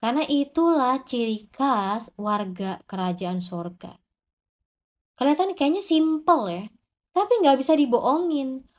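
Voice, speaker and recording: A woman's voice: high voice, expressive, unhurried, darkish tone. A woman giving an informal devotional sermon, talking straight to the congregation and answering her own rhetorical questions. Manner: addresses the congregation directly. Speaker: preacher.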